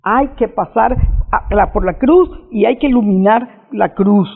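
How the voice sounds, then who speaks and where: Man, preacher, very high voice, earnest, repeats and restarts phrases, unscripted reflection, tinny phone-line sound. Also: unhurried, gravelly.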